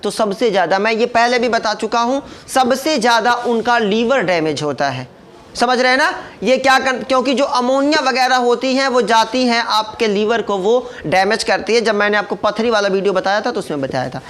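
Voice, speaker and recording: A man's voice: extremely high pitch, moderate pace, fairly bright tone. A man teaching a casual classroom lesson, joking and asking rhetorical questions. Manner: chatty, asks rhetorical questions, jokes. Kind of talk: informal classroom lecture.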